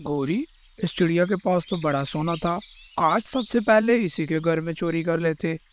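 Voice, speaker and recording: Man as a higher-voiced, commanding bird crook. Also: moderate pace, slight background noise, natural voice. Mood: urgent, practical. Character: male bird thief, brisk, practical petty crook. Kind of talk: cartoon character voice acting.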